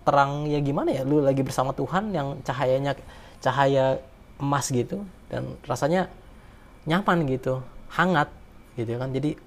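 A man's voice: mid-range voice, normal speed, long pauses. Man, casual emotional storyteller, rambling and slangy.

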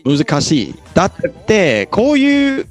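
A man runs a relaxed pronunciation lesson, modelling words slowly and cheering each attempt. His voice swings widely in pitch as he encourages, and soft music plays faintly underneath. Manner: lively, encouraging, laughs often. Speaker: English pronunciation teacher.

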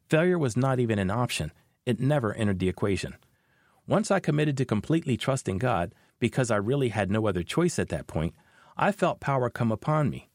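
An earnest man narrates a personal faith story as a podcast host, his pitch rising and falling with lively swings. He sounds close and dry, recorded on a studio mic with no room sound. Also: no room sound.

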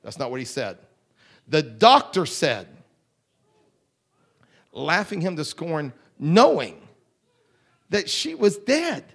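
A man preaching a fervent holiness sermon, rhythmic and drawling, often clearing his throat. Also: a little high, very animated, slow pace, pauses often. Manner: fervent, rhythmic, drawling with repeated call-outs.

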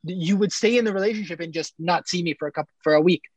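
A man's voice: high-pitched, fast, breathy edge, no room sound, poor audio. A man in his twenties co-hosting a podcast, arguing his point emphatically and repeating himself. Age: 20s. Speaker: podcast co-host. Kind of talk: casual chat.

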